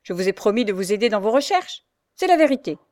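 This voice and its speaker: A woman voicing a coarse, cruel old female beggar who scolds in a harsh, shrill way. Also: fairly even intonation, moderate pace, close to an everyday voice. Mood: shrill scolding. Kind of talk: audiobook character reading.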